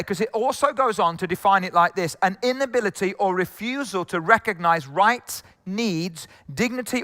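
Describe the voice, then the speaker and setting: A man's voice: high-pitched, pushed and bright. A middle-aged man preaching a sermon as pastor, chatty and jokey, with many fillers. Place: church hall. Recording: long hall reverb.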